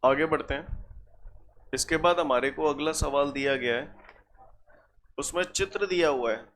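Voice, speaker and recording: A man's voice: on the high side, unhurried, fairly bright tone, slight background noise. A man teaching a physics class, often checking his students as he works through problems. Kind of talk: classroom lecture.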